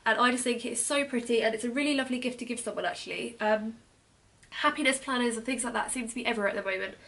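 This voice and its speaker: A young British beauty blogger, who is losing her voice, talks fast through products in a casual gift-guide vlog. Her fairly high voice is a bit bright and slightly hoarse, and her chatty, enthusiastic talk is dotted with frequent ums.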